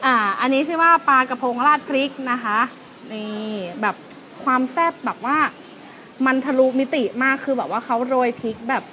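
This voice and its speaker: Chatty, bright-voiced young Thai woman. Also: high-pitched, moderate pace, slight background noise, rough recording. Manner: chatty and excitable, lots of fillers and exclamations. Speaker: food and travel vlog host. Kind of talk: casual food review walkthrough. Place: seaside restaurant, outdoors.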